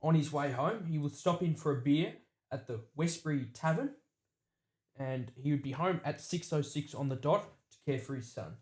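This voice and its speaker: Aussie bloke hosting a chatty podcast, bit high voice, roomy echo. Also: male voice, normal speed, darkish tone. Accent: Australian. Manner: laid-back, swears, tells workplace stories. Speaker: podcast host. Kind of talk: casual pub-style banter.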